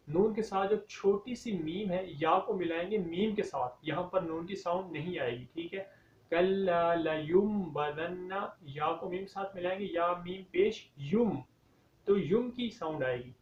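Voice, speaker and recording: Male Quran recitation teacher, high voice, distant dull mic, roomy echo. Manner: explains common mistakes, then recites verses slowly and drawn out.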